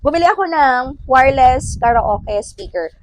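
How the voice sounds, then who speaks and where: A woman's voice: high-pitched, lively intonation, unhurried. A woman from the Philippines chatting casually to her viewers in an unboxing vlog, laughing often and calling them sis. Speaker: vlogger.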